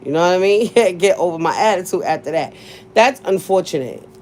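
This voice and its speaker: A woman's voice: lowish voice, expressive, fairly quick, a little mellow, slight background noise. Blunt, profane woman chatting on a live stream. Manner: blunt, profane, laughs often. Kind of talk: casual livestream chat with viewers.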